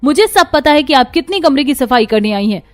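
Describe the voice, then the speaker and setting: Woman playing a spoiled cartoon daughter who talks back, higher voice. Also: expressive, fairly quick. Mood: angry. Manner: whiny, snappy. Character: spoiled bratty young woman, sharp-tongued daughter.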